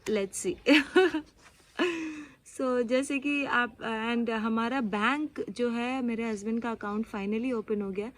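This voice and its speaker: A young Indian woman vlogs in a casual, confiding way, her voice fairly high and her pace slow. She's chatty, mixing English phrases into her Hindi.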